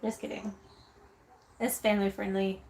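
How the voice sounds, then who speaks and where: A woman's voice: mid-range voice, little pitch movement, moderate pace, gravelly, darkish tone, slight background noise. Chatty Texan woman reading live chat. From Texas. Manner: chatty, reads viewer comments aloud with filler "um"s. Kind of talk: casual live-stream chat.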